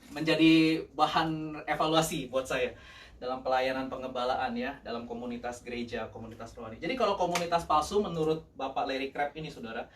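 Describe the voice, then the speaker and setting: A male pastor preaching a lively sermon, mixing English phrases in and laughing often. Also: a little high, recorded from a distance. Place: church service.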